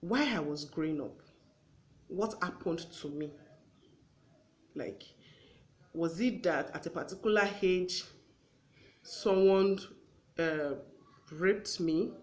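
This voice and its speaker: A woman's voice: on the low side, slow pace, pauses often, darkish tone. Earnest woman talk-show host. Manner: earnest, advising, acts out everyday exchanges. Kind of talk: conversational talk show discussion.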